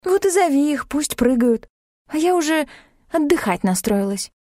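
A woman's voice: sits high, expressive, normal speed, mellow, dry recording, pitched above the performer's own voice. A woman reading an audiobook, voicing a dry, reluctant young woman tourist. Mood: wry. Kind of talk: audiobook character voice.

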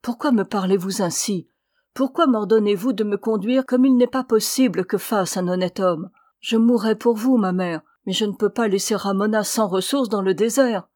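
A woman's voice: mid-range voice, moderate pace, darkish tone, no echo, studio quality, close to an everyday voice. Woman voicing an earnest, pleading young son. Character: young man, devoted yet torn son. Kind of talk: audiobook reading.

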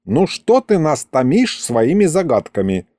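Man doing a grumpy complaining old man, storybook, warm tone, dry sound. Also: sits high, big pitch swings, a little slow, no echo, pitched above the performer's own voice. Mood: grumbling. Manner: whiny, complaining. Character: grumbling old man, complaining, sharp-tongued. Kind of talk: audiobook character reading.

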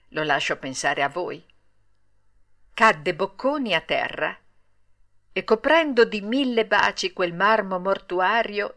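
A woman narrating a classic children's story in a measured, expressive reading. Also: lowish voice. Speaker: audiobook narrator.

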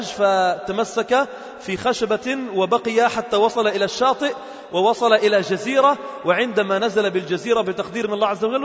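High, fast preacher in a hall. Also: male voice. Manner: impassioned storytelling, rising to emphatic cries. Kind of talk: sermon. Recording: dull, reverberant hall recording.

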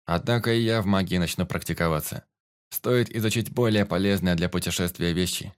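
A grumbling mage complains about his workload, as a male audiobook reader voices him. He uses a plain, lightly low voice. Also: fairly quick, clear, resonant tone, close to an everyday voice.

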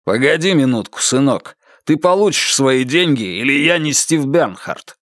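A man's voice: mid-range voice, lively intonation, moderate pace, a bit bright, no room sound, clean studio sound, lightly acted. A man voicing a brash, bullying man who blusters and threatens. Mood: threatening.

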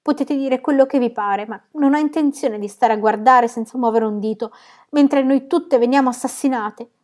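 A woman's voice: steady tone, quick pace, mellow, natural voice. A woman reader voicing a panicked young woman who screams for help in a storybook reading. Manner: shrill terrified cries.

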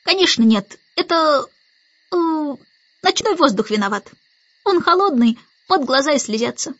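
A woman's voice: sits high, animated, a little slow, fairly bright tone, dry recording, lo-fi sound, pitched above the performer's own voice. Woman doing a fussy old male starling. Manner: chattering, condescending, rasping whisper at times.

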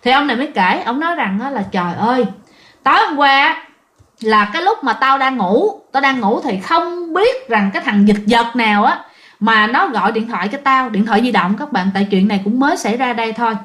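A woman tells a ghost story in a loose, chatty way. Her voice sits high, and she keeps turning to address her listeners as she goes. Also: expressive, a little fast, a bit bright. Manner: chatty, addresses listeners directly, acts out quotes. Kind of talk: casual spoken storytelling.

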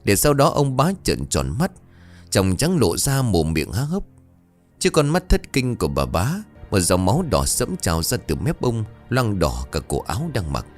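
Field: narration. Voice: man, expressive, lively pitch. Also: moderate pace, faint music behind. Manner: dramatic, expressive reading. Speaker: storyteller. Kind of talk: scripted ghost story narration.

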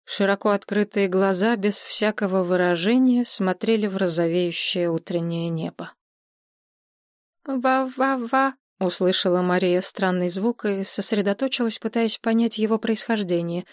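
A woman narrating an audiobook in an even, measured storytelling voice. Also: medium pitch, no echo, studio quality.

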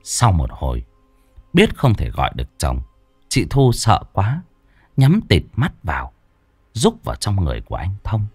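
A man narrating an audiobook in an expressive storytelling manner. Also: sits low, normal speed, long pauses, husky, dry recording, faint music behind.

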